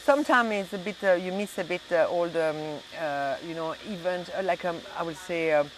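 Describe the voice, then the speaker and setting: A middle-aged woman with a French accent, a native French speaker from Belgium and southern France, is an interview guest who owns a hotel and restaurant. She chats casually in a low, brisk voice, often searching for words. The audio is poor, with a little hiss or hum.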